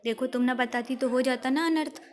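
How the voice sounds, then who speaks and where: A woman plays a stern, lecturing householder who nags over money and then delivers a moral speech. The voice sits a little high and stays flat, reading steadily like a schoolbook play. Firm and measured throughout. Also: close to an everyday voice. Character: stern scolding middle-aged male householder.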